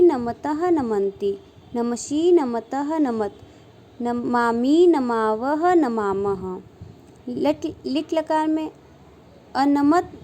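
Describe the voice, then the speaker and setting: A woman teacher slowly reciting verb forms in a measured grammar lesson. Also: high-pitched, darkish tone.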